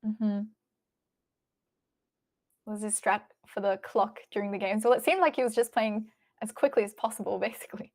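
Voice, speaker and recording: A woman's voice: mid-range voice, steady tone, normal speed, pauses often, a little mellow. An Australian-accented woman hosting a livestream, chatting casually and informally as she thinks aloud and responds to viewers. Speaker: livestream host. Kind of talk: casual livestream chat, reading and answering viewer messages.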